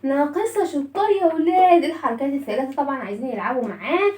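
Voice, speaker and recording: A woman's voice: sits high, animated, racing, darkish tone, echoey room, far from the mic, a little hiss or hum. A woman with an Egyptian Arabic accent teaching children their letters, asking questions and praising their answers, and telling the letters' story as characters. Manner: call-and-response, praising children. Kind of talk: children's phonics lesson.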